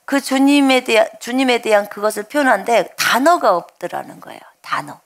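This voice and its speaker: A woman pastor from Jeolla, Korea, preaches a sermon in a high, gravelly voice that is expressive and fairly quick. She speaks earnestly about her own faith and prays aloud as though addressing someone right beside her.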